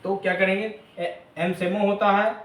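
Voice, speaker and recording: A man's voice: high voice, flat delivery, moderate pace, reverberant. A man teaching a lesson, spelling letters out one by one. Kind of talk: classroom lesson.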